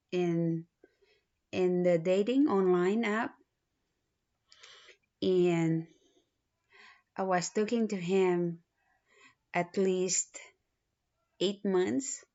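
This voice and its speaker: A woman in her thirties from the Philippines, speaking with a Filipino accent, introducing herself in a halting way with many pauses and restarts. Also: fairly low pitch, a little mellow. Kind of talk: self-introduction video. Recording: dull lo-fi recording.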